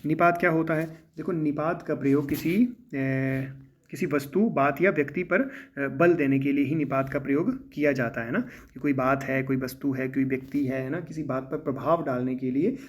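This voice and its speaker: A man's voice: mid-range voice, fairly even intonation, normal speed. A man teaching a grammar lesson for exam preparation, explaining step by step and often checking in with "है ना". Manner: explains with frequent "है ना" tags.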